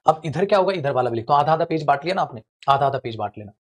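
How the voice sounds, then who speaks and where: A man teaching English grammar in a lively, joking classroom lecture, calling his students friends and brothers. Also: on the high side, rapid-fire, muffled recording.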